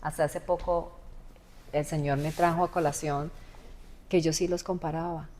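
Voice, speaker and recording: Low-voiced woman teaching emphatically. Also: steady tone, moderate pace, darkish tone, a little hiss or hum. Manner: emphatic, instructive, repeats points with rhetorical "¿sí?". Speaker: host and mother.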